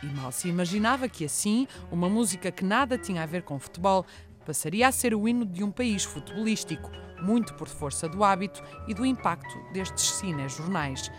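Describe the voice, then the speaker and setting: A woman's voice: mid-range voice, animated, fairly quick, soft background music. A woman with a European Portuguese accent, presenting a scripted documentary feature.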